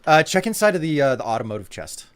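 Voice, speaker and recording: A man in his thirties hosting a casual gaming stream, easily exasperated and quick to swear. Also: fairly high pitch, sing-song. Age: 30s. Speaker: streamer host.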